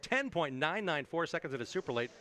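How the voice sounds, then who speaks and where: Fast, bright male racetrack commentator. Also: a little high, very animated. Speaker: race broadcast commentator. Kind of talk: conversational sports commentary.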